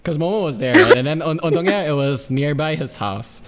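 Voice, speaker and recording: A man's voice: a little high, lively intonation, a little fast, heavy background noise. A young man on a casual podcast who tells a story hesitantly, with many fillers. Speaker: podcast co-host.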